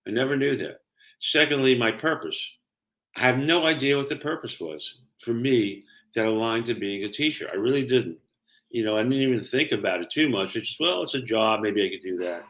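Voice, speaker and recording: Older Brooklyn man with a low voice. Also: a bit bright. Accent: New York, Brooklyn. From Brooklyn, New York. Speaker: career coach, guest. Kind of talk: conversational explaining and personal storytelling.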